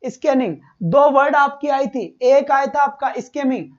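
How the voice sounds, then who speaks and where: This lo-fi recording captures a very high-voiced man teaching exam prep live online. He shoots quick questions at students, goes over each point twice, and addresses them as "beta."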